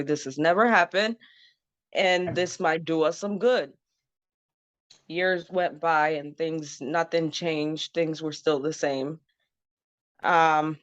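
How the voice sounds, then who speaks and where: A woman in her thirties from Zimbabwe speaks in a low voice with no echo, candidly telling her own story as an interview guest. The talk is casual, full of laughter, "um" and "you know". The recording sounds dull, lo-fi and dry.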